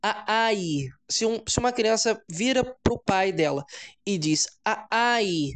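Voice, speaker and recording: A man hosts an explanatory talk on psychology. He speaks in a measured, deliberate way and drags out the words he wants to stress. He often tags his points with a quick "né?". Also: high voice, lively intonation. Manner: measured, deliberate, often adds "né?" and slows for emphasis. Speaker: host.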